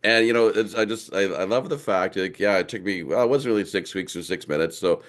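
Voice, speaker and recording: A podcast host with a low, fairly quick voice asks his questions in an enthusiastic, rambling way, full of playful turns of phrase, in a casual interview chat.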